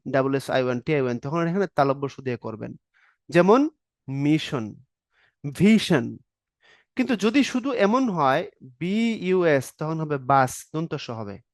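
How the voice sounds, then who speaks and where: A man's voice: on the high side, no echo, clean studio sound. A man teaching an exam-prep Bangla grammar lesson, explaining step by step, acting out short example questions and answers, and often checking that the students are following.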